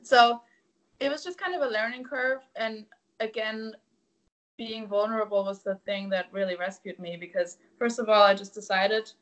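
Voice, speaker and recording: Speaking at a moderate pace in a steady, fairly bright mid-range voice, a young woman from Germany, a native German speaker with a German accent, reflects candidly as a musician guest. She's at home, chatting casually in an interview over a video call. The audio is poor.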